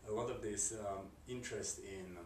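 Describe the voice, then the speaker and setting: A man from Slovakia with a Slovak accent, a composer answering interview questions in a halting way, with many fillers and restarts. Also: lowish voice, fairly even intonation, a little mellow. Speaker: composer and curator. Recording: roomy, distant mic, noisy background.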